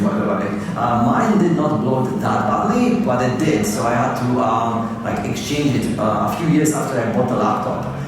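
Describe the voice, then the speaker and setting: A man from Poland giving a keynote conference talk, chatting casually with many fillers and "like". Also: medium pitch. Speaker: keynote speaker. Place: large conference hall. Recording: distant, echoey hall with noise.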